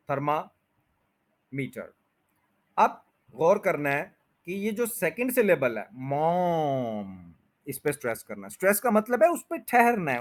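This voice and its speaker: A man teaching English pronunciation, patiently repeating each word and stretching its syllables. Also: a little high. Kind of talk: pronunciation lesson explained in Urdu/Hindi.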